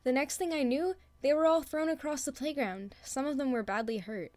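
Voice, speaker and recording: Man doing a high, eager young girl. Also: brisk, a little mellow, no room sound. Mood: timid. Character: bright, eager young girl, anxious then thrilled. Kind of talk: audiobook character reading.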